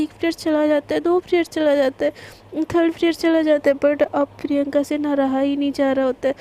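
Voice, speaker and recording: A woman's voice: high voice, warm tone. A woman telling a love story in a casual, chatty way, mixing into her talk and using lots of fillers. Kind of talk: casual spoken story narration.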